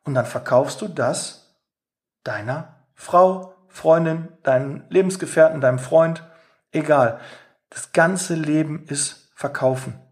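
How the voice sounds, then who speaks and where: A man's voice: a little high, slow. A man giving a direct, emphatic motivational talk on sales, acting out quoted phone calls. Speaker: sales coach.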